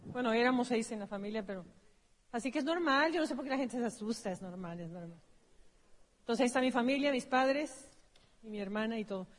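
A woman's voice: a little high, animated, fairly quick. Mexican woman telling her story on stage. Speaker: business seminar presenter. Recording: long hall reverb.

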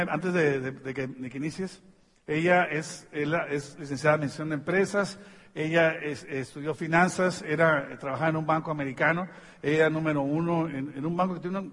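A man with a Mexican accent presenting a business seminar on stage, joking and halting with many fillers. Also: on the high side, fairly bright tone. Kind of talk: speaking on stage to an audience. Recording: long hall reverb.

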